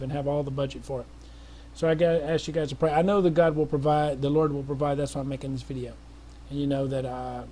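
This middle-aged man, a missionary recording an appeal, has a slightly high, warm voice. His casual talk to viewers is sincere but meandering, packed with false starts and filler words.

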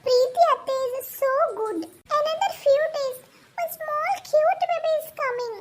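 A small, sweet girl in a cartoon who speaks in a slow, sing-song way. Her voice is squeaky and very high, and she talks slowly and tenderly to her parents. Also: slight background noise, heavily acted. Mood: pleading. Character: sweet little girl, loving and tearful. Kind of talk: cartoon voice acting.

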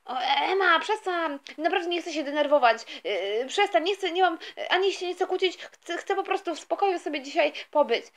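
A woman's voice: very high-pitched, expressive, fairly quick, few pauses. A woman voicing an irritable young boy who grumbles in exasperation in a toy story voice-over. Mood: annoyed. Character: irritable young boy, sulky older brother.

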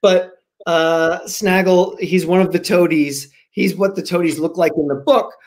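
A guest author and screenwriter in his forties from Rhode Island chats on a video call, telling stories in a casual, playful, rambling way with plenty of animation and gesturing. His American-accented voice sits high and moves a little slowly. He's in a small room at home, picked up by a computer mic.

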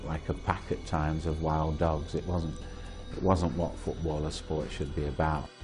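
A man with a very deep, flat voice speaks gravely and with emphasis. Music plays clearly beneath him. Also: measured pace. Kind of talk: documentary interview.

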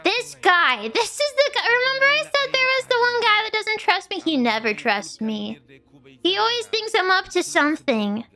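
A woman's voice: extremely high pitch, very animated, normal speed, sharp tone, soft background music. A woman streamer giving playful, theatrical commentary while she plays a game, laughing often and hurling mock taunts. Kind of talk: gaming livestream commentary.

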